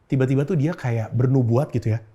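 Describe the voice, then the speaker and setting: A man's voice: medium pitch, fairly quick, warm tone, husky. A man, a guest in an interview, telling a personal story in casual chat, with frequent filler words. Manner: storytelling with frequent 'gitu' fillers and acted-out quotes.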